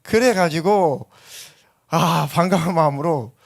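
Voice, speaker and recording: A man's voice: fairly high pitch, slow, vocal fry. A middle-aged man preaching a sermon as pastor, telling stories and acting out voices. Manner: lively storytelling, acts out voices in anecdotes.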